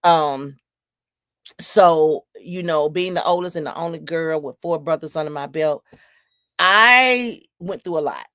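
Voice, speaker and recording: A woman's voice: low voice, a little slow, fairly bright tone, dry recording, studio quality. A woman, hosting a solo podcast and reading out viewer comments in an emphatic, preachy, storytelling way. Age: 50s. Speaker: podcast host.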